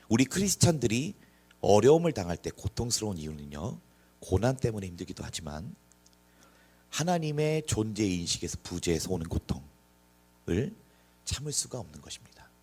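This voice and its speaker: A man's voice: fairly low pitch, big pitch swings, a little fast, darkish tone, husky. A male pastor preaching to a young adult congregation in a church, earnest and full of rhetorical questions. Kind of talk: sermon.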